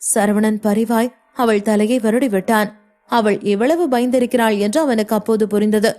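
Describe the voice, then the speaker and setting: A woman narrating a novel in a steady storytelling manner. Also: a little high, normal speed. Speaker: audiobook narrator. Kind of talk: scripted narration.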